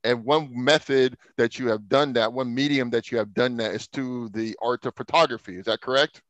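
A man's voice: medium pitch, fairly even intonation, moderate pace, a bit bright, no room sound, muffled recording. A man hosting a podcast interview, casual and encouraging, often calling his guest "man". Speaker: podcast host.

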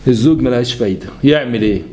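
A man's voice: mid-range voice, rapid-fire, mellow. A man with an Egyptian accent hosting a show, telling a family story with moral asides and acting out each person. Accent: Egyptian Arabic. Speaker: host. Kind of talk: storytelling monologue on family issues.

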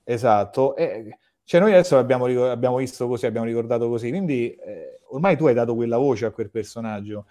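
A man's voice: mid-range voice, quick pace, warm tone. A man interviewing a guest, chatting at length like a fan, with rambling sentences and frequent restarts. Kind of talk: casual interview chat.

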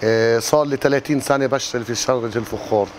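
A man's voice: medium pitch, fairly even intonation, rapid-fire, slight background noise. A man, a potter giving a brief, plain self-introduction on a lapel mic in an indoor workshop. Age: 40s. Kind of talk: filmed interview.

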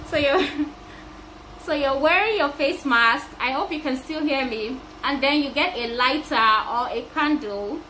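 A woman's voice: sits high, unhurried, sharp tone. A woman in a casual how-to vlog, talking through a face mask, chatty and laughing at herself. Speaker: vlogger. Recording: echoey room, faint background hiss.

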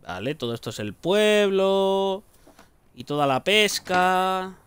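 A man commentates casually on a video game, muttering to himself and cracking jokes. His voice is smooth and clean, pitched a bit above the usual for a man. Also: very animated, takes it slowly, a bit bright, no room sound. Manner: muttering to himself, joking, swearing. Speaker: gaming streamer.

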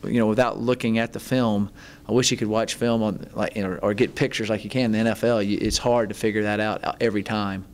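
A middle-aged man, a head football coach, answering reporters at a postgame press conference, halting, with many ums and restarts. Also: fairly low pitch, steady tone. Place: press conference room, seated at table. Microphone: table mic in front.

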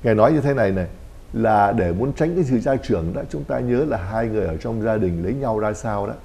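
A fast-talking priest, his low, mellow voice running on in a talk show discussion. He explains family life and slips into short acted-out quotes of people talking. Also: expressive, gravelly. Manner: explanatory, acts out little quoted dialogues.

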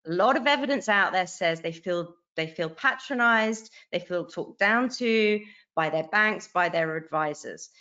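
Her voice sits lowish and sounds pushed and bright, expressive yet measured in pace. She's a woman in her forties giving a video call interview as a guest author from a bright room at home, talking earnestly and animatedly and often restarting what she says. The webcam captures it as dull, lo-fi call audio.

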